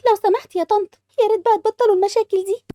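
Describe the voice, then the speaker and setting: A high, fast-talking Egyptian teenage girl frets about family quarrels, as a woman puts her on. She is heard up close in a dry, deadened room, with a quick and bright voice. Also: steady tone, no echo. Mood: pleading. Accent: Egyptian Arabic. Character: young girl, chatty and fretful teen niece.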